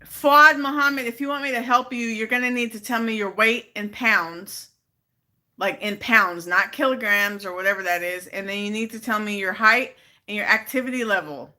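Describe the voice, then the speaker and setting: Bright-voiced woman hosting a live stream. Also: mid-range voice, steady tone, normal speed. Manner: exasperated, repeating questions to a viewer. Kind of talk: casual live stream chat with viewers. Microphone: phone.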